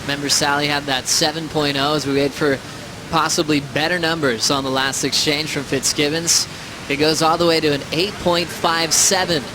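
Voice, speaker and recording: Guy calling surf heats, slightly high voice, clipped slangy phrases, loud ocean roar behind him. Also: flat delivery, moderate pace. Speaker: surf contest play-by-play announcer. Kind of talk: live sports play-by-play commentary. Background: ocean waves, rumbling noise.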